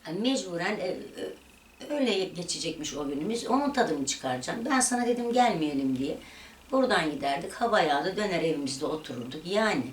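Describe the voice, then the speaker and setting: Woman vlogger, lower register, lively storytelling, echoey room with faint noise. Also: fairly quick, distant mic. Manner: animated retelling of a quarrel, voices rising and dropping. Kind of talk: casual storytelling.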